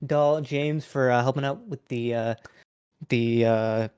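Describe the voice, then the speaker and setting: A young adult hosting an esports tournament stream, upbeat and quick to laugh. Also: medium pitch, steady tone, darkish tone, smooth.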